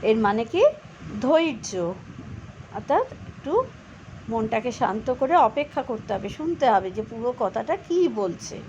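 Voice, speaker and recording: A woman teaching children to read English, reading each line very slowly and then explaining spelling and pronunciation. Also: lively intonation, darkish tone. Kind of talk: bilingual reading lesson for children. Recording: slightly dull low-fi recording with faint background noise.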